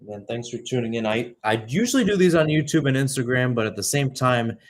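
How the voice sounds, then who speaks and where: Brisk and animated, this mid-range male voice belongs to a young adult commentator doing radio-style soccer play-by-play. He keeps correcting himself and wandering into chatty asides.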